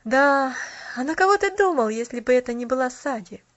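A woman reading aloud, voicing a cheerful, steady young man who speaks in warm, hearty exclamations. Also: high-pitched, brisk, no room sound, muffled recording. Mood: curious.

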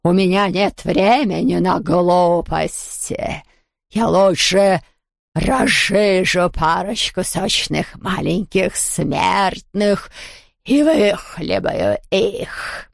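Woman putting on a hoarse ghost baroness. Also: lowish voice, animated, dry recording, clean studio sound, full character voice. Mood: snarling. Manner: snarling, slow, menacing. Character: huge hoarse bloodthirsty female ghost baroness.

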